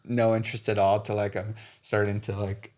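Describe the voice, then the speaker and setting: Deep, flat-voiced man from Idaho. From Idaho, USA. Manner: halting, repeats words, many fillers. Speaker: podcast guest. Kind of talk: casual interview chat.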